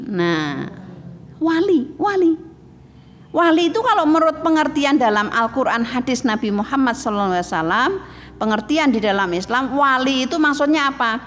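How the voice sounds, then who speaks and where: A woman's voice: fairly high pitch, a little hiss or hum. Perempuan berlogat Jawa, penceramah yang sering bertanya ke jamaah; rekaman bergema dengan suara ruangan samar. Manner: lively, asks listeners questions. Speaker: religious teacher. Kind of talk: religious talk to women. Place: mosque hall. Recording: echoey hall with faint ambience.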